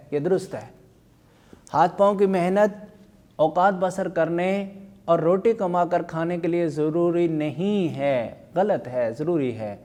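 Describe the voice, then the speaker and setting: A male teacher giving an online language lesson, drilling pronunciation slowly and repeating each word. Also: a little high, dark tone. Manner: slow, careful dictation of words and vowel marks.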